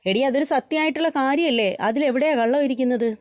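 A woman's voice: sits high, a little fast, no echo, clean studio sound, voice pushed up, lightly acted. A mocking young husband, as a woman reads him. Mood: quarrelsome. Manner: mocking, sharp retorts. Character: blunt sarcastic young husband.

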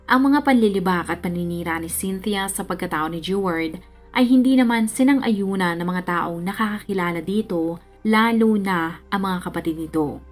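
A woman narrating a true-crime story in a steady, measured, scripted way. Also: on the low side. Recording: faint background music.

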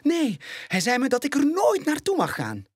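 A man putting on a bouncy little lion cub for a storybook, way up high and squeaky, flemish accent, all excited and eager. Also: normal speed, dry recording, studio quality, exaggerated voice. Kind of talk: storybook read-aloud.

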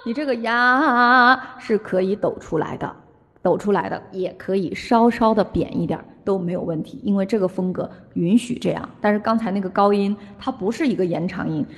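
A woman's voice: mid-range voice, a little fast, warm tone. A woman voice teacher giving a singing lesson, explaining phrases and breaking into sung demonstrations. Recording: long hall reverb with faint music.

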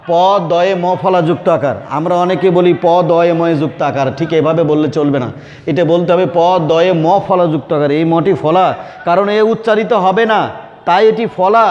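Man, teacher, online grammar lesson, high voice, repeats key words, long room echo. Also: lo-fi sound. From Bangladesh.

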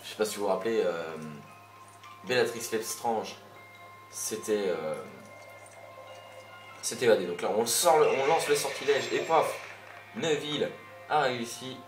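A young gameplay commentator with a mid-range voice rambles casually over a video game, speaking a little slowly and pausing often. He's chatty, a bit irritated, and swears mildly now and then. His voice sounds roomy, with game music playing behind.

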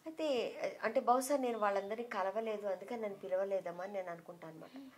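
A woman's voice: mid-range voice, quick pace, a little hiss or hum. Heartfelt middle-aged woman reminiscing. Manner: heartfelt, emotional storytelling, softening when quoting others. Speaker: interview guest. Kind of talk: reminiscing in an interview.

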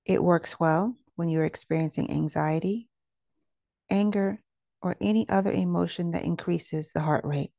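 Guiding a meditation, this woman speaks in calm, measured instructions, her slow delivery carried by a mellow, slightly low voice with a hint of creak. She is miked closely and dry, without any echo.

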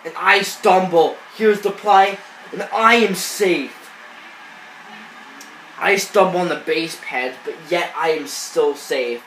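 A high, slightly bright voice moves slowly as a gaming channel host, sniffling with a cold, rambles over baseball video game footage. He leans on fillers and keeps restarting in this casual off-screen commentary, recorded in an echoey room with faint noise.

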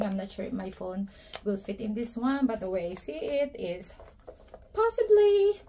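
A young adult woman talks through gifts on her casual vlog, gushing and excitable. Her voice sits a little high for a woman. She takes her time, drawing out each exclamation. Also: slight background noise. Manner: gushing, excitable, repeats "amazing" and "oh my God". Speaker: vlogger.

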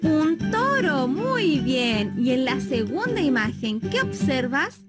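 A teacher with a high, sing-song voice leads a children's phonics lesson. She speaks slowly and spells out every sound clearly, praising each answer. Loud children's music plays underneath her. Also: big pitch swings. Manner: slow, carefully enunciated, praising. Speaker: primary school teacher.

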